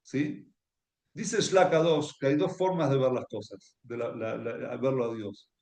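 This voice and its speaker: A man with an Argentine accent giving a spoken Torah lesson with stories, in a halting way with many restarts, often checking with his listeners. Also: mid-range voice, fairly even intonation, a little mellow. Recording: echoey room.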